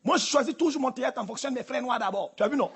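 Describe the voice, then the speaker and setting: A man's voice: very high-pitched, expressive, very fast, a bit bright, slightly rough. A male stand-up comedian performing a live routine on a theater stage, with a punchy, teasing delivery aimed at the crowd. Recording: live theater, audience and noise.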